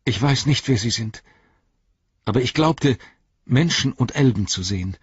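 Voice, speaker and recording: A man voicing a dazed young hobbit in an audiobook, speaking in a hushed, entranced way. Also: medium pitch, expressive, normal speed, slightly rough, no room sound, highs cut off, voice pushed up. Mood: dreamy. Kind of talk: audiobook character voice.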